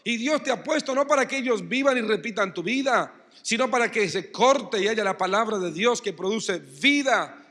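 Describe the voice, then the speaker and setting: A man's voice: high-pitched, expressive, moderate pace, bright, forceful tone, big-room sound. A man preaching a sermon as pastor with an Argentine Spanish accent, acting out quotes and building emphasis. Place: church hall.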